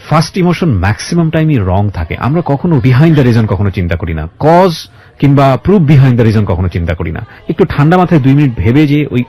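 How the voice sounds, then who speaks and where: A radio show host with a Bangladeshi accent speaks in a mid-range, darkish voice, emphatic and moralizing, mixing in English words. The clip is a radio interview that includes a reflective monologue to listeners.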